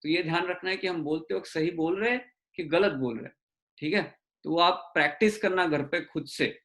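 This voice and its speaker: A man teaching an online class, mixing English into Hindi and slowly drawing out syllables to correct pronunciation. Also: on the high side, fairly bright tone. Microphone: video call.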